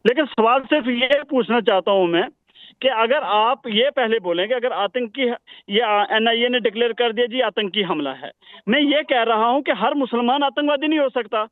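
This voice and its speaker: A man's voice: very high-pitched, expressive, normal speed, dry recording. A man speaking as a guest in a TV news debate, defensive and repeating himself to be heard. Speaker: TV debate guest on a phone line. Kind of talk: heated TV debate argument. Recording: tinny phone line.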